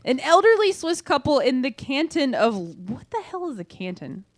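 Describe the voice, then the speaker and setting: A woman's voice: high voice, very animated, moderate pace, no echo, studio quality. A woman co-hosting a podcast in casual chat, teasing and giggly, tripping over words while reading stories. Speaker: podcast co-host.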